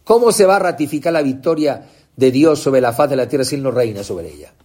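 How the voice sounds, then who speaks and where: A man preaching an impassioned sermon, asking the congregation questions and swinging between shouts and low, quiet lines. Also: lively intonation, fairly quick, slightly rough.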